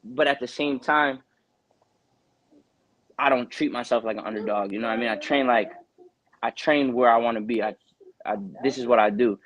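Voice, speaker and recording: A man's voice: medium pitch, moderate pace, pauses often, a bit bright, lo-fi sound. A man in his twenties, a boxer from Connecticut, talking earnestly in a casual interview, rambling with lots of "you know" fillers. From Connecticut, USA.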